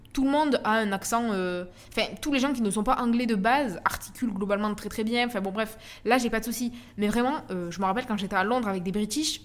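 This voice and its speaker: A young French woman hosting a casual solo podcast, chatting in a slangy way with lots of fillers and repeated words. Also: fairly high pitch. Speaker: podcast host. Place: at home in Dubai.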